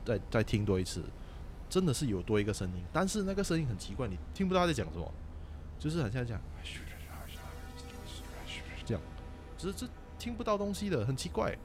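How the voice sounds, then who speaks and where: 一位新加坡口音的年轻男子，用夹杂英文的华语随意地讲鬼故事。. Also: male voice, mid-range voice, quick pace, long pauses, soft background music. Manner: animated, mixes English words into Mandarin. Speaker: podcast guest storyteller. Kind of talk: casual ghost-story chat.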